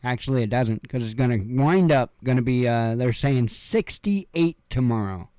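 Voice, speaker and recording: The voice is mid-range, expressive and warm, smooth, at a normal speed, with no echo. It belongs to an Illinois man hosting news commentary, who reads headlines casually in a home room and goes off on loose, offhand tangents full of fillers.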